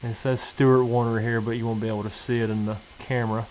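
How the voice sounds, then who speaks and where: Talking fast in a level, mid-range voice, a folksy hobbyist walks through a casual hands-on show-and-tell in his home workshop or garage. The sound is dull and hissy, typical of lo-fi camcorder audio.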